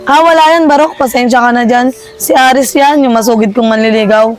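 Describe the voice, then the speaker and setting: A woman's voice: a little high, fairly even intonation, brisk, faint music behind, natural voice. A woman voicing a frank, exasperated woman who brushes off a suitor.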